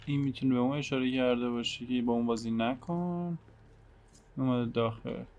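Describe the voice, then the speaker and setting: A man's voice: medium pitch, fairly even intonation, very fast, a little mellow. A man with an Iranian Persian accent doing casual game walkthrough commentary, muttering as he thinks aloud. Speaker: game streamer.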